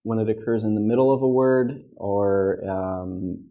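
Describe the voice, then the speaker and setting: A man's voice: fairly low pitch, unhurried, phone-quality sound. A young man teaching English pronunciation in a classroom at a whiteboard, speaking patiently and repeating each model word several times.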